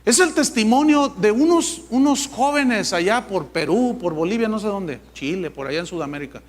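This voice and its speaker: High-voiced pastor preaching. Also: male voice. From Mexico. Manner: emphatic, conversational, mocking. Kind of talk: sermon. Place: church with a live congregation.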